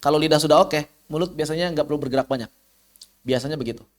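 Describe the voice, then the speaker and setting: In an online recitation class, a man teaching tajwid patiently explains each point and models sounds through long, drawn-out syllables. He frequently asks himself questions and answers them, and his voice sits on the high side.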